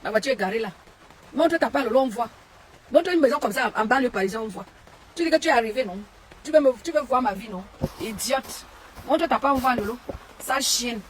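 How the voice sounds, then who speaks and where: A woman rants into her phone in a live stream, her voice sitting a little high and her insults coming in repeated bursts. A faint hiss runs underneath her talk. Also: animated, fairly quick. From Cameroon. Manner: insulting, repetitive, heated. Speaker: online commentator. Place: home and garden.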